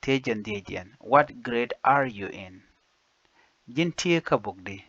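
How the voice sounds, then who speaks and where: A man teaching basic phrases, saying each one slowly and repeating it in two languages. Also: mid-range voice, expressive, fairly bright tone, breathy edge, no room sound. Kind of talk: slow phrase-by-phrase language lesson. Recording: dull lo-fi dry recording.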